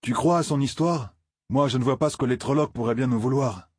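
A man's voice: medium pitch, brisk, darkish tone, husky, dry recording, studio quality, voice pushed up, lightly acted. A man voicing a blunt, somewhat bitter young village man in a storybook reading.

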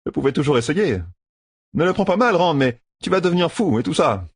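A man's voice: on the high side, animated, a little fast, husky, voice pushed up. A man doing a sardonic young gambler. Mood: grumbling. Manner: grumbling, sardonic. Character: young wisecracking gambler, exasperated.

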